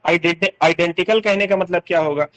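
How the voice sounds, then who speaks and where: A man's voice: sits high, brisk, a bit bright, poor audio. A man teaching English literature for exam prep, explaining step by step, sounding out words aloud and often checking that students follow.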